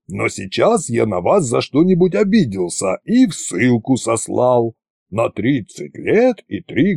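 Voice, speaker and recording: A man playing gravelly old tsar Koschei, bossy. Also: medium pitch, darkish tone, dry recording, studio quality, voice pushed up, heavily acted. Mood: scolding. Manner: slow, commanding, folksy. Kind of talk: audiobook character reading.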